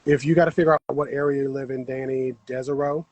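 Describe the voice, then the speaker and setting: Talking fast and flat at a medium pitch, this man sounds a little mellow on a dry, lo-fi recording. He's chatting with viewers during a casual gardening livestream, hands in the soil on an outdoor patio.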